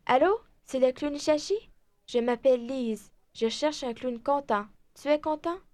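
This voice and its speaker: Woman playing a young party-planning girl, high voice, unhurried, clear language-lesson delivery. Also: darkish tone. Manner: slow, clear, deliberate speech. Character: cheerful young girl throwing a birthday party. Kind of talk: slow scripted language-lesson dialogue.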